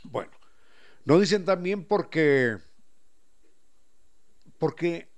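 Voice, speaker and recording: A male host with a fairly high voice. He explains in an unhurried, professorial way and lingers on individual sounds and words as he spells them out. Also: lively intonation. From Ecuador. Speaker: radio host. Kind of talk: explanatory talk-show chat.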